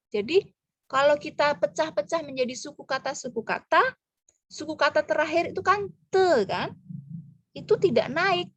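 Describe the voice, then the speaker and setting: A woman's voice: high-pitched, no echo. A woman teaching French pronunciation in an online lesson, patiently breaking words into syllables.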